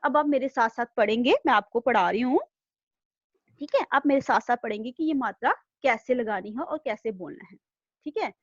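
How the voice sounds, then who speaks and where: A woman's voice: a little high, moderate pace, no room sound, highs cut off. A woman teaching an online class to young children, patient and repeating herself. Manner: patient, repeats "thik hai?" after nearly every line. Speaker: primary school teacher. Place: home room, online video class.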